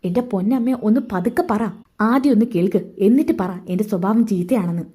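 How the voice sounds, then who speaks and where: A woman's voice: medium pitch, a little fast, warm tone, slightly rough, close to an everyday voice. A woman voicing a young man who is bitter and insistent with his mother. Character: young man, angry, protective son.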